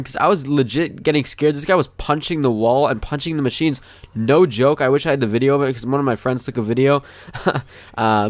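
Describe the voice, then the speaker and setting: A man's voice: medium pitch, no room sound. Rambling young man telling a story. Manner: rambling, animated, many fillers. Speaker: gaming channel host. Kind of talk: casual storytelling over gameplay.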